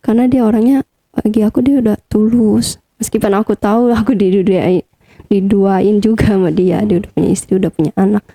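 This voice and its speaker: Very dark-toned young woman telling a story. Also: mid-range voice, steady tone, fairly quick, dry recording. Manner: chatty, hesitant with many fillers. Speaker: interview guest. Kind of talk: casual personal storytelling.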